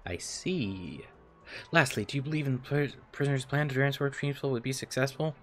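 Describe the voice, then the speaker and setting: A man reading out a game's dialogue as a smooth-talking male dream salesman, with an upbeat sales-pitch delivery. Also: fairly quick, fairly bright tone, soft background music, lightly acted. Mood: salesy. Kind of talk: reading game dialogue aloud.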